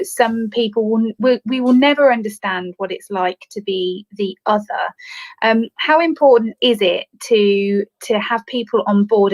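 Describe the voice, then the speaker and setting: A woman's voice: mid-range voice, poor audio. A woman audience member putting a question in a live talk, in a conversational style.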